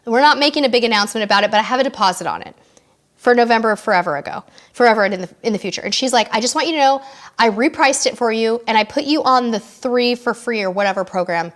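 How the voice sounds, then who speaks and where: A woman in her forties hosting a live cruise Q&A, chatting casually and reading out viewer comments in a bubbly way. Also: on the high side. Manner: bubbly and chatty, quick asides.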